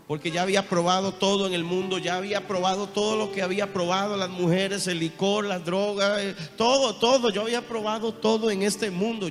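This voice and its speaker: A man with a Costa Rican accent preaching a sermon, telling his testimony with strong emotion, moving from hushed speech to loud cries. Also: sits high. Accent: Costa Rican Spanish. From Costa Rica. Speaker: apostle preaching. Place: large church hall. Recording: reverberant church hall. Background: soft guitar music.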